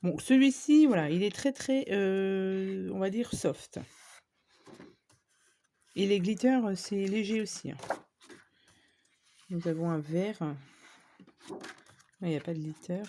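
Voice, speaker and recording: Woman, casual haul vlog, mellow tone, chatty with fillers, faint background noise. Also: mid-range voice, takes it slowly, pauses often. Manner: chatty, many fillers, addresses viewers. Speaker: scrapbooking vlogger. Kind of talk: casual shopping haul show-and-tell.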